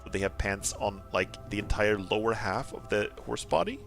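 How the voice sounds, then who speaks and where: Guy streamer rambling and joking over game music, really animated voice. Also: fairly low pitch, moderate pace, gravelly. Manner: excitable, rambling, jokey. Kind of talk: casual live gameplay commentary. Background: video game music.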